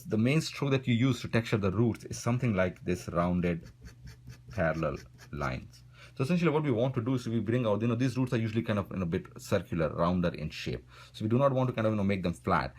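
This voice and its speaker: A man narrating a pen and ink drawing tutorial in a relaxed way, filling his speech with "you know" as he draws. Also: sits low, husky. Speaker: drawing instructor. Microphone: voice-over while drawing.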